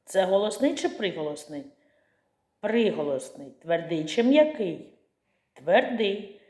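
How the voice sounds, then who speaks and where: A woman teacher talks to small children in a slow, deliberate way, spelling out each step and answering her own questions. Her voice sits at a middle pitch, and the room around her is echoey. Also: big pitch swings, darkish tone. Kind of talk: slow clear lesson for young children.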